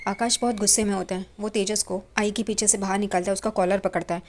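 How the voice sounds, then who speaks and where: A woman narrating a recap of a TV serial episode in a plain, steady storytelling manner. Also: medium pitch, fast. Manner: plain storytelling, frequent "yahan pe".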